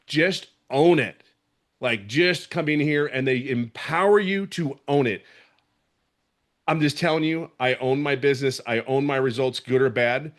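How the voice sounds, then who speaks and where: A man's voice: medium pitch, unhurried. A middle-aged man from Philadelphia, speaking with a Philadelphia accent, gives a passionate, emphatic testimonial and often repeats himself. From Philadelphia, USA. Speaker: program member giving a testimonial. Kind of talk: emotional testimonial on a video call.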